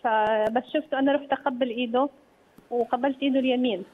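A woman's voice: sits high, steady tone, fast, husky. A woman with a Levantine accent calling in over a narrow phone line, casually recounting something. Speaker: phone-in caller. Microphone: telephone.

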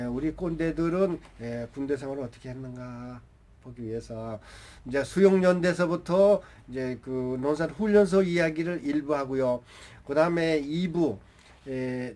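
An older man in his seventies reminisces in a loose, chatty monologue, turning to address his viewers as he goes. His voice sits a little higher than most men's, and he wanders off into rambling asides. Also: darkish tone. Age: 70s. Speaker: YouTube storyteller.

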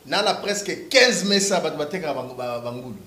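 Fiery high-voiced man. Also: animated, fairly quick, reverberant, slight background noise. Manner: fiery, repeats words for emphasis, bursts into shouting. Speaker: interviewee giving political opinions. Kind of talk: impassioned street interview.

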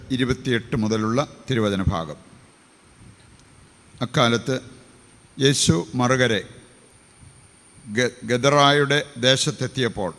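Priest guy reading the gospel slow, big church reverb. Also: mid-range voice, fairly bright tone. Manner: slow deliberate proclamation.

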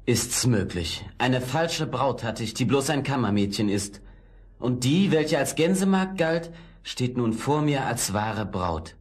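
A man's voice: medium pitch, lively intonation, measured pace, slightly rough, voice pushed up. A man voicing an earnest young prince in a fairy-tale radio play, speaking with a wondering tone. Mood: amazed.

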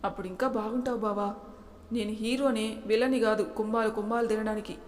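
A woman's voice: a little high, fairly even intonation, fairly quick, long reverb tail, natural voice. A woman voicing a young woman who is clingy and playful, pleading sweetly, in a read-aloud story.

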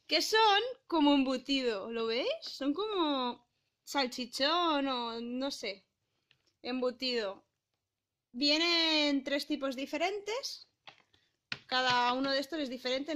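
A woman's voice: high-pitched, pushed and bright. A young woman chatting cheerfully to a handheld camera at arm's length in her small apartment, explaining what she is showing. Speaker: vlogger. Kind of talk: casual vlog chat to camera. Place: small apartment kitchen and room indoors.

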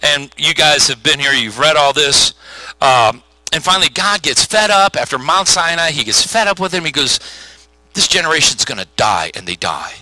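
A middle-aged male pastor preaching a sermon, telling the story with lively acted-out voices. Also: on the high side, moderate pace, no echo, low-quality recording. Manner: animated storytelling with voiced characters.

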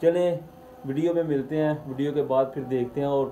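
A man's voice: medium pitch, steady tone, fairly quick, echoey room, very noisy. Chatty bearded man filming himself on a phone. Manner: chatty, pleading for subscribers. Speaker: vlogger. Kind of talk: casual selfie vlog. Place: indoor room, then outdoors on a street. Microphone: phone at arm's length.

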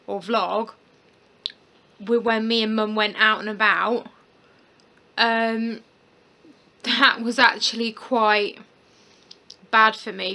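A woman's voice: medium pitch, sharp tone. A young woman, chatting casually to her camera at home, rambling with lots of "like" and "um" fillers. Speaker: vlogger. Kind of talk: casual chat. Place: home, indoors.

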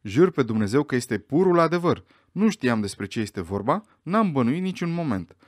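A man reading an audiobook voices a frightened butler who anxiously protests his innocence, his voice pushed higher than his narration. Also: very animated, darkish tone, no room sound, studio quality, lightly acted. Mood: desperate. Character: frightened middle-aged male butler, pleading.

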